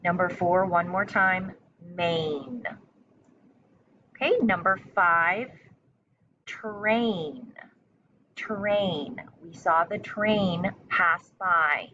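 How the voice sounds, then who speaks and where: A woman's voice: on the low side, drawn-out words. A woman teacher giving a spelling lesson and dictation, enunciating carefully and repeating in an encouraging, instructional way. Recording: muffled lo-fi sound with faint noise.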